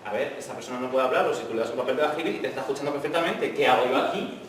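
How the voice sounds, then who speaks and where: A Spanish conference lecturer addresses students in a lecture hall informally, using frequent tag questions and inviting interruptions. His medium-pitched voice comes very fast from a distant mic, echoing through the hall on a very noisy recording.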